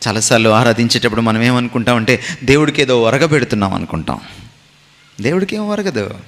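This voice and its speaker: A man's voice: medium pitch, lively intonation, brisk, in a large hall. A man preaching a sermon as a pastor, emphatic and rhythmic, slipping into English phrases now and then.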